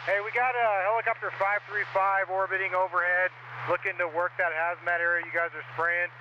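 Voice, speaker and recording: A man's voice: high voice, flat delivery, brisk. A man talking in clipped radio dispatch style over a crackly walkie-talkie, as on a fire crew. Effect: crackly two-way walkie-talkie radio. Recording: crackly muffled radio, loud static noise.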